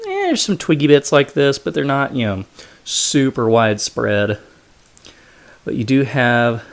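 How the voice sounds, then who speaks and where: A man talking casually to viewers as a reviewer, explaining methodically with hesitant pauses. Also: mid-range voice, dry recording. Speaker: pipe tobacco reviewer.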